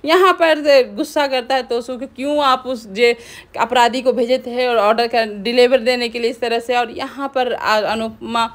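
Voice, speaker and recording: Woman, casual episode recap, fairly high pitch, chatty retelling, frequent restarts. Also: steady tone. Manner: fast retelling with restarts and pointing phrases. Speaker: TV serial recap narrator.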